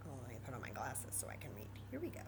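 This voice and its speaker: Speaking in a bass register with huge pitch swings, a Texas woman rattles through a children's storytime at rapid-fire speed against heavy background noise. She addresses the kids directly and expressively, alternating between reading aloud and casual chatter.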